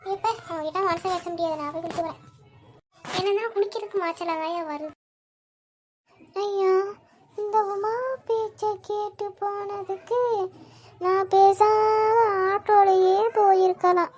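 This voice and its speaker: A woman's voice: extremely high pitch, fairly even intonation, measured pace, pauses often, a little mellow, slight background noise. A woman voicing a put-upon young wife in a cartoon, complaining and grumbling. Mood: lamenting. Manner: complaining, meek toward husband. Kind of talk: cartoon voice acting.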